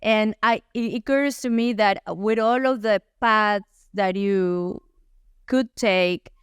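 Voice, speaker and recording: Slow, clear-voiced woman podcast host. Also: mid-range voice, no echo, clean studio sound. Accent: non-native English. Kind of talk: podcast interview.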